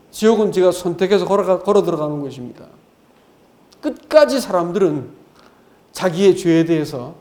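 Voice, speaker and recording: A man's voice: sits high, mellow. A male pastor delivering a sermon, emphatic and rhetorical, often addressing the congregation directly.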